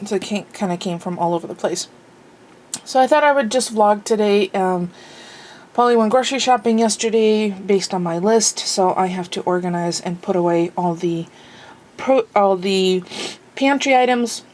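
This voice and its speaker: At home indoors, a woman vlogs in a loose, chatty way, rambling along with lots of fillers and a slight sniffle. Her voice sits at medium pitch with a darkish tone, and she talks at normal speed.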